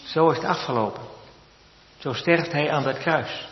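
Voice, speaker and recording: A man preaching a sermon in a church, slow and measured with solemn repetitions. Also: fairly high pitch, a little hiss or hum. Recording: echoey church hall, lo-fi sound.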